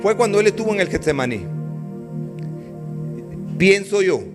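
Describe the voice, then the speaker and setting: Dramatic preaching man, sweeping high pitch. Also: lively intonation, moderate pace, music in the background. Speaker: pastor. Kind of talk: sermon.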